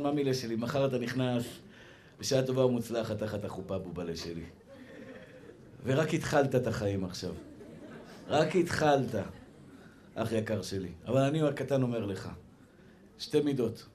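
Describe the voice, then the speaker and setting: A middle-aged man preaching to a live audience as a rabbi, lively and playful, acting out the people in his stories. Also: mid-range voice, pauses often. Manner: lively, playful, acts out quoted people, shifts between loud and hushed.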